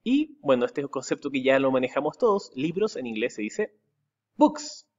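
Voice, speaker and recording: Through a muffled recording comes a medium-pitched male voice with big pitch swings and a Chilean Spanish accent. The speaker, from Chile, teaches pupils English vocabulary in a recorded lesson, spelling words letter by letter and repeating them slowly with rising stress.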